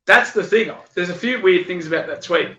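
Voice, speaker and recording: Australian male co-host, mock-incredulous, higher voice, roomy home recording. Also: brisk, pushed and bright, dull audio. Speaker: podcast co-host. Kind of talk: casual podcast banter.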